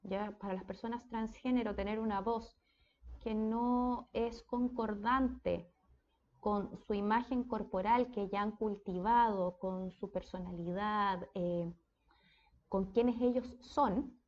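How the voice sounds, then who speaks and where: A woman's voice: medium pitch, steady tone, takes it slowly, a little mellow, lo-fi sound. A woman with a Chilean accent giving a casual speech therapy lecture, often checking in with her students. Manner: conversational, checks in with frequent "¿ya?".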